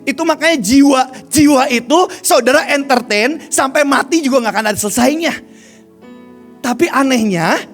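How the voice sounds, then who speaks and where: A male evangelist with a strikingly high voice and a gravelly edge tells a testimony from the pulpit. He addresses the congregation as "brothers and sisters", moving from hushed confession to shouted excitement. Soft music plays underneath. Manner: storytelling, addresses listeners as "saudara", swings from hushed to shouting. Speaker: evangelist preacher. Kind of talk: sermon with personal testimony.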